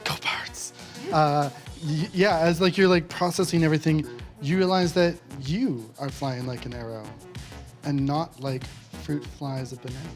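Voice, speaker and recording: A game master improvising narration for a tabletop game in a casual, halting way. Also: medium pitch. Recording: music behind. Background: music.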